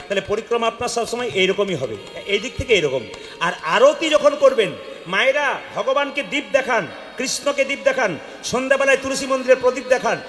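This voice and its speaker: A man with a Bengali accent giving a devotional sermon, questioning the audience and asking them to answer loudly. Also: very high voice. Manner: questions the crowd and calls for loud replies. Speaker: kirtan preacher. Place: hall with an audience. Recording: echoey hall with long reverb.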